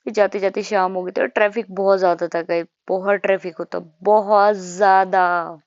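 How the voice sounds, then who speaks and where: A woman's voice: mid-range voice, steady tone, quick pace, darkish tone, no echo. Young female vlogger from India, chatty and self-mocking; dry, dull lo-fi voice-over. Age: young adult. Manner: chatty, self-mocking, addresses viewers as guys. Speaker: travel vlogger. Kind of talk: casual vlog narration.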